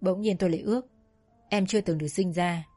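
A woman narrating a personal childhood story in a calm, reflective, confiding way. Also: lowish voice, fast talker, soft background music.

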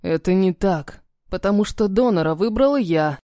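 A woman's voice: medium pitch, lively intonation, moderate pace, warm tone, no echo, clean studio sound, lightly acted. A woman voicing a stern, cold-tempered man who speaks in clipped, commanding lines.

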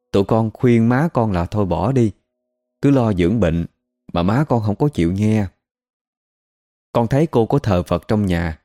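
A man's voice: fairly low pitch, mellow. A man with a Southern Vietnamese accent quoting a grown son who humbly begs for help for his sick mother. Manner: humble, begging.

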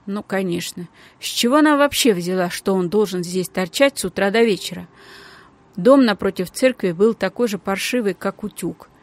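A woman narrating a children's book aloud in an expressive, lively reading style. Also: medium pitch. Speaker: audiobook narrator. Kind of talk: scripted storybook narration.

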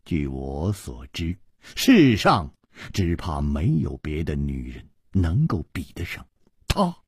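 A man voicing a wry, calm young swordsman hero in a low, soft, amused voice. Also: measured pace, slightly rough, dry recording, studio quality. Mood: tender.

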